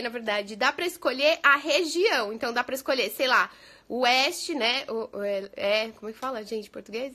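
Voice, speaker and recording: A Brazilian English teacher chats casually in a live session from her home in the United States, answering viewer questions, laughing often and mixing in English phrases. Her voice is high, pushed, and bright.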